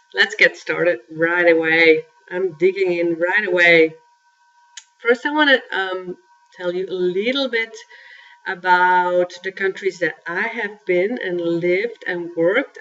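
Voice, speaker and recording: A woman's voice: mid-range voice, a bit bright, recorded from a distance, lo-fi sound. A woman from Belgium giving a chatty presentation on cultural greetings, pointing to slides as she goes. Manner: chatty, friendly, talks with filler and restarts.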